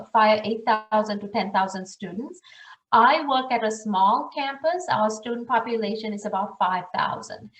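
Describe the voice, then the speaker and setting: Earnest woman advising, echoey and distant. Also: fairly high pitch. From Sri Lanka. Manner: earnest, advising, rhetorical questions. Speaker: international programs director. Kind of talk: webinar presentation. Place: room, recorded for an online webinar. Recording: echoey room, far from the mic.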